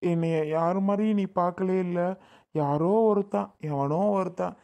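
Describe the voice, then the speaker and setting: A woman's voice: fairly low pitch, normal speed, creaky, warm tone. A woman playing an emotional grown man, a doting elder brother who sulks and pleads in a family comedy skit. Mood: hurt pleading. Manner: pleading, tearful and sulky.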